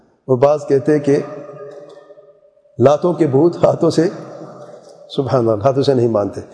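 A man preaching a sermon in an earnest way, asking the listeners questions and often dropping to a softer voice. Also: mid-range voice. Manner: earnest, with rhetorical questions and sudden soft drops. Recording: reverberant hall.

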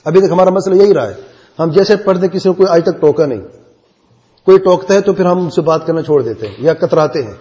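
Male class teacher, encouraging and explanatory, mellow and fairly high voice, dull recording with long hall reverb. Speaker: religious teacher.

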